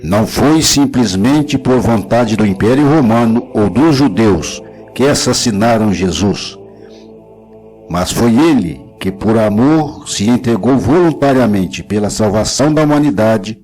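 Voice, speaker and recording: A man giving a solemn, measured devotional narration with scripture readings. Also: lowish voice, animated, a little mellow, soft background music, poor audio.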